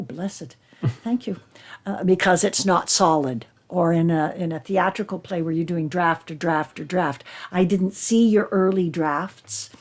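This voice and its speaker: A woman actor talking reflectively in an interview, with earnest, deliberate and emphatic phrasing. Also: fairly low pitch. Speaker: stage actor.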